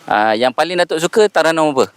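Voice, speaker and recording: A man with a Malaysian Malay accent, the interviewer, asking questions in casual chat with frequent quiet murmured agreement. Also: on the high side, lively intonation, quick pace, smooth.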